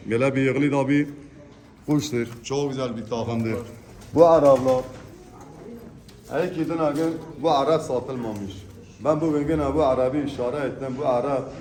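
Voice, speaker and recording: A man giving an unscripted auctioneer's sales pitch, presenting lots in an emphatic way and repeating his phrases. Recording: echoey room with background noise. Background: birds, pigeons.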